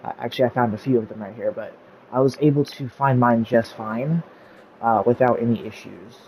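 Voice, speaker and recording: A man with a steady, mid-range, slightly mellow voice talks a little fast as he narrates gameplay for a casual tutorial video. He's a YouTuber who drifts between topics and piles on fillers, mentioning that his voice is giving out. There's slight background noise and the audio is poor.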